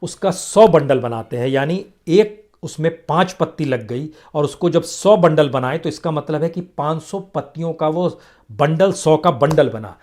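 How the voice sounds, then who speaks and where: A man's voice: fairly high pitch, normal speed, darkish tone. A middle-aged man giving political news commentary, emphatic, listing items in repeated rhythmic phrases.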